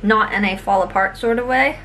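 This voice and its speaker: Woman, middle-aged, home baking vlogger; bright tone, unhurried, self-deprecating, phone recording in a roomy kitchen with faint background hum. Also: medium pitch. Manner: self-deprecating, halting with frequent ums. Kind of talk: casual kitchen vlog. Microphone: phone camera.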